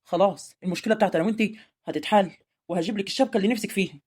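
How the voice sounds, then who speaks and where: A woman with an Egyptian accent playing a young village man who schemes to marry a rich cousin in secret, talking smoothly and persuasively. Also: medium pitch, racing, a little mellow, close to an everyday voice. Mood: scheming. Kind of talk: amateur village drama acting.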